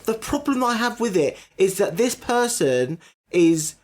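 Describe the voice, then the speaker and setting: A man co-hosting a relaxed podcast chat. He pushes his opinions forcefully, repeats himself for emphasis and talks over whoever is speaking. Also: high voice, unhurried. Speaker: podcast co-host. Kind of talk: casual chat.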